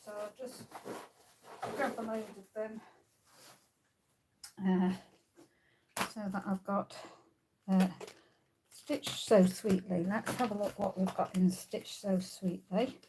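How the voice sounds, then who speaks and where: A woman's voice: mid-range voice, fairly even intonation, takes it slowly, pauses often, noisy background. A woman hosting a craft tutorial, thinking aloud as she works, with frequent ums and uhs. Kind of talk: casual crafting demonstration.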